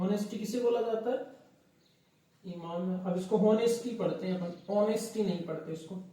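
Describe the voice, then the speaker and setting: Guy teaching english grammar, kinda high voice, super echoey room. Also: darkish tone, distant mic. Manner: addresses viewers as dear children, asks and answers own questions. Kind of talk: classroom lesson to students.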